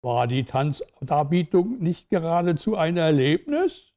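A man's voice: fairly high pitch, big pitch swings, a little slow, mellow. A man reading the lines of a brash young male cabaret compere who announces acts with mocking showmanship.

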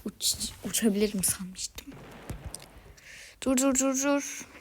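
A woman giving casual commentary while playing a video game, swinging between whispered muttering and excited shrieks. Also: fairly high pitch, slow pace. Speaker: gamer. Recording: noisy home recording.

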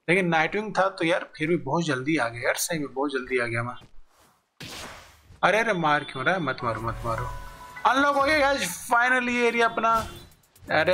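A man's voice: high voice, bright, forceful tone. A man giving casual let's-play commentary as a gaming YouTuber, chatty, thinking aloud and talking straight to his viewers.

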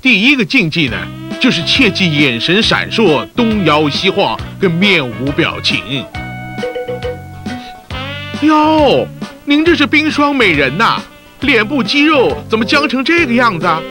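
A teasing male mentor in a comic training video. He is high-pitched and very animated, chatty, exclamatory and sarcastic, with a Taiwanese Mandarin accent and music behind him. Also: a little slow, few pauses. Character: teasing, scolding male narrator-mentor coaching a newcomer. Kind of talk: comic instructional narration.

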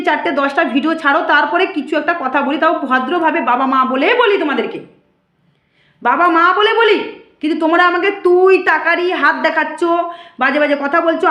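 A woman's voice: high-pitched, a bit bright. A woman, speaking to camera as a vlogger and defending herself against critics in an aggrieved, lecturing way, recorded on a phone in an echoey room. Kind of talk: direct-to-camera rant.

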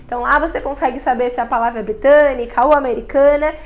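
A woman's voice: sits high, fairly even intonation, fast. A woman from Brazil giving a chatty English pronunciation lesson, sounding out vowels as she explains. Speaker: English teacher. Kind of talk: casual video lesson.

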